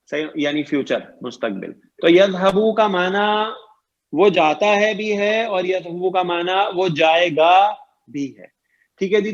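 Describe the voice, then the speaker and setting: A man with a fairly high voice leads an online grammar lesson. He talks patiently, repeats each point and keeps checking that his students understand. The audio is muffled, like a lo-fi call line. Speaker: Arabic grammar teacher.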